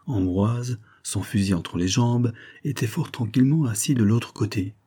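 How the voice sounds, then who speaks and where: A man narrating a classic novel as an audiobook, in a measured storytelling manner. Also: mid-range voice, dark tone, slightly rough. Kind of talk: scripted narration.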